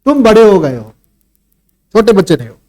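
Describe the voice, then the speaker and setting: With a warm, high-sitting voice that swings widely in pitch, a male math teacher addresses his class at a moderate pace. The lecture mixes quizzing and scolding with rhetorical questions and a stern pep talk about doing the work at home.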